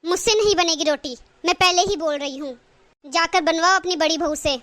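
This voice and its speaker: A woman's voice: very high voice, fairly quick, fairly bright tone, pitched below the performer's own voice. A woman voicing an overworked young daughter-in-law in a cartoon who argues back and refuses chores. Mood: defiant. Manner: argumentative, complaining back.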